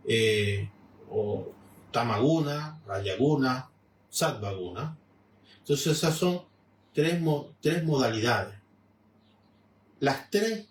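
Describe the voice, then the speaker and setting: A male religious lecturer from Venezuela reads a text aloud and comments on it in a calm, measured, explanatory way, often restarting his sentences. His medium-pitched voice is picked up by a distant mic in an echoey room with faint background noise.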